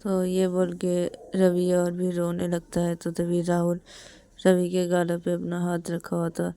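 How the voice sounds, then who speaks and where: A woman's voice: fairly low pitch, completely flat delivery, unhurried, warm tone, clear, resonant tone. A woman narrating a romance story in a plain, repetitive retelling.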